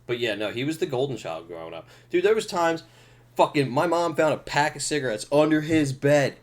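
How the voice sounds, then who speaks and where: A man's voice: fairly high pitch, lively intonation, fairly quick. A young man hosting a casual podcast, telling family stories in a profane, rambling way. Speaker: podcast host.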